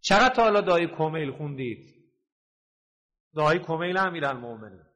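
Man preaching in a long-echoing hall. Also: animated. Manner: swings between loud emphatic peaks and low hushed storytelling; slows and stretches quoted verses. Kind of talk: sermon.

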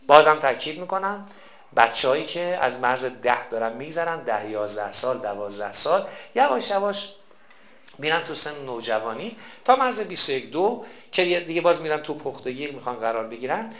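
A man giving a sermon on a prayer text, reciting its lines slowly and swinging between soft passages and loud, emphatic pleas. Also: a little high, very animated. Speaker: preacher. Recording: roomy echo.

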